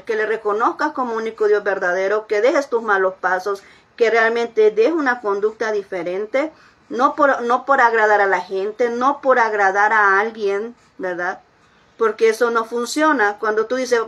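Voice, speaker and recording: A woman's voice: on the high side, normal speed, fairly bright tone, muffled recording. A woman pastor preaching a sermon in an earnest way, often repeating phrases and asking her listeners questions.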